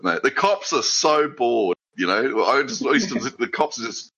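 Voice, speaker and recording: This is an Australian man in a loose, rambling chat, forever saying mate and chuckling between thoughts. His voice is husky with a bright, forceful edge. The audio is dull and lo-fi, like an online call. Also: mid-range voice, big pitch swings, normal speed. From Western Australia. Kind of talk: casual podcast chat.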